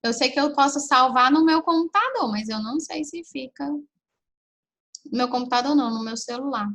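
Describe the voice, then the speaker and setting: A woman with a somewhat high voice hosts a relaxed live chat. She answers viewers' questions and gives parenting advice, speaking right to her audience in a chatty, practical way. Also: normal speed. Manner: chatty and advice-giving, often addresses listeners directly. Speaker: parenting live-stream host.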